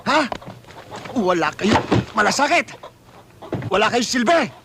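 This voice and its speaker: An actor playing a hot-tempered older man in a sitcom who shouts and scolds. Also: high-pitched, lively intonation, slow, background noise, heavily acted. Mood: scolding. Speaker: sitcom character. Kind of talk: slapstick sitcom acting.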